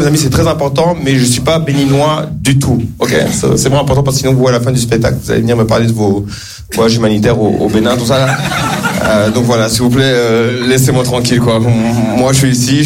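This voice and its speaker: A man's voice: medium pitch, level tone, fast talker, background noise. A man doing a stand-up set before a live audience, hesitant, with many fillers and self-mocking jokes. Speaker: stand-up comedian.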